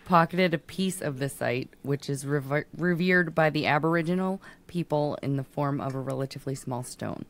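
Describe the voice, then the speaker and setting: Low-voiced woman podcast host. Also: moderate pace, few pauses. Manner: reads stories aloud with restarts and giggles. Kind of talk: casual chat, reading a news story.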